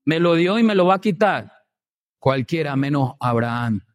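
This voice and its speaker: Emphatic preaching man, fairly high voice. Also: lively intonation, moderate pace. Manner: emphatic preaching with rhetorical questions; swings between loud stresses and quiet low asides. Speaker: pastor. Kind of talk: sermon.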